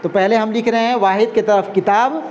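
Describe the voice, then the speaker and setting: A man's voice: high voice, fairly even intonation, a little fast, darkish tone. A man stands before his class. He explains patiently and keeps asking whether the students follow. Faint room noise sits behind him. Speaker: Urdu teacher. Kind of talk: classroom lesson.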